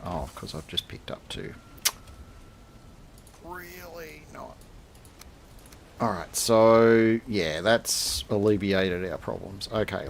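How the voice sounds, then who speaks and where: A man's voice: fairly low pitch, vocal fry, a little hiss or hum. An Australian man giving casual, rambling commentary as he plays a game, thinking aloud and chatting to the animals on screen. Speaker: game streamer.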